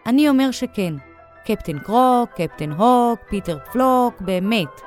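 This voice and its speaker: A woman's voice: a little high, expressive, a little mellow, soft background music, pitched above the performer's own voice, close to an everyday voice. A woman doing Mr. Darling, a blustering stern father. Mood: scolding. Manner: blustering, exasperated outbursts. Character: stern, impatient father of three.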